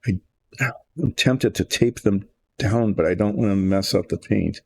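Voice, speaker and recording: An older man talks his way through painting models in his home workshop, rambling and thinking aloud as he goes. His voice sits low and rough with a husky, gravelly edge. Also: unhurried, a little mellow. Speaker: hobby painting host. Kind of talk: relaxed workshop chat while painting.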